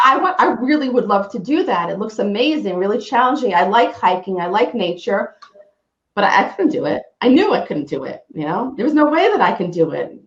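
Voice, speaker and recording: Earnest woman presenter, roomy lo-fi sound. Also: medium pitch. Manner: earnest, self-interrupting storytelling with frequent restarts. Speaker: webinar presenter. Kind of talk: personal story and health talk.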